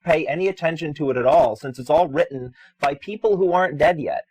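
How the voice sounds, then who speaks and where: A man's voice: a little high, fairly quick, darkish tone, husky, dry recording, rough recording. A man hosting an unscripted call-in show, debating in a blunt, incredulous and sarcastic way. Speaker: talk show host.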